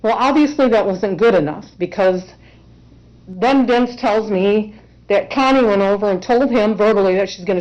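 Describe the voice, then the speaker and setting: An emotional woman testifies in her own defense, earnest and insistent. Her voice sits at an everyday middle pitch. The courtroom recording is dull and muffled. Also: a little mellow. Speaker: self-represented respondent in court.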